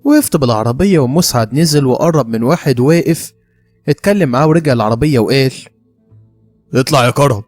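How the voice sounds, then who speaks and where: A man with an Egyptian accent narrating a first-person drama story in a steady, conversational way. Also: medium pitch, fast, dry recording, faint music behind. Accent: Egyptian Arabic.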